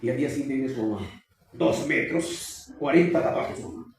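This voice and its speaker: A man's voice: medium pitch, animated, moderate pace. A man preaching a sermon, often questioning and exhorting the congregation. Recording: very echoey hall, distant mic.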